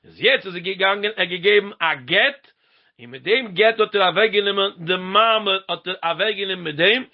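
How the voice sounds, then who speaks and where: A man, explaining a Talmud passage in a sing-song lecture. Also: high voice. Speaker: Talmud teacher. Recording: lo-fi dull recording.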